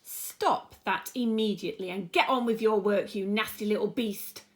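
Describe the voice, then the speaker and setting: A woman's voice: medium pitch, normal speed, lightly acted. A woman voicing a vain, cruel aunt from a storybook in a pompous, theatrical manner. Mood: cruel, loud. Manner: pompous, theatrical, self-adoring.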